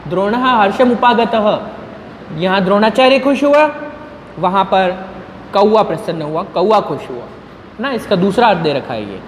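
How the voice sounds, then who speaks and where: Slow high-voiced man teaching Sanskrit verses. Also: lively intonation. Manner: chants Sanskrit verses slowly, repeats each explanation twice. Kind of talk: slow explanatory lesson, reciting verses then explaining. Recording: echoey room with long reverb, faint noise.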